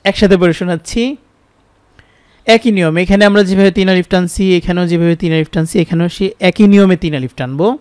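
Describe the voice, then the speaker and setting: High, clear-voiced Bangladeshi Bengali Quran teacher. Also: male voice, a little mellow, no room sound. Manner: spells words letter by letter, then chants verses slowly. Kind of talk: spelled-out Quran recitation lesson.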